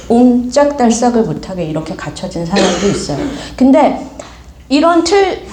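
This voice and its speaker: A woman speaks to a seminar audience in a loose, conversational way, putting questions to the room and playing out the voices of people who scold. Her voice is mellow and dark in tone. The room around her is echoey, with faint noise behind. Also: on the high side. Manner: lively, asks the audience questions, acts out quoted scolding. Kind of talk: informal seminar talk to an audience. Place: gallery studio seminar room.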